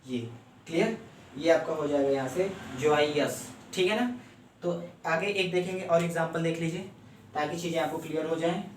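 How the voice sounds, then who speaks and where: A man teaching a shorthand lesson step by step, often stopping to ask if it is clear. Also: on the high side, normal speed, slight background noise. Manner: explains step by step, keeps checking "clear?". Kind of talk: classroom lecture. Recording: echoey room, mic far off.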